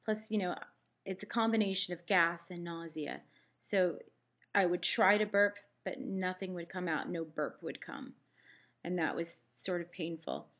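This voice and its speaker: A woman's voice: on the low side, a little slow, fairly bright tone. A woman talking casually and candidly in a personal vlog, giving a health update in a chatty, matter-of-fact way. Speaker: vlogger giving a post-surgery update.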